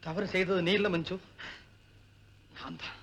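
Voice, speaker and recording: Actor as a grave avenging hero in an old film. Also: male voice, sits high, fairly even intonation, measured pace, gravelly, dull audio, a little hiss or hum. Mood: resolute. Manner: solemn and grave, turning to impassioned shouting. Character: grim young man set on revenge, breaking off his engagement. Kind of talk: 1960s Tamil film acting.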